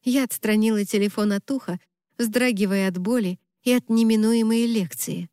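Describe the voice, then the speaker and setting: A woman reading a first-person novel aloud in an even, measured storytelling manner, close to the mic. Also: fairly high pitch, no echo. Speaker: audiobook narrator.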